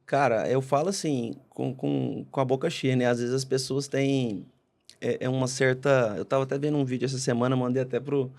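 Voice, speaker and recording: A man's voice: mid-range voice, steady tone, brisk, gravelly, darkish tone. A man from Brazil, a guest on a casual podcast, telling his story earnestly and peppering it with "cara" and "né". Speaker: podcast guest, consórcio entrepreneur.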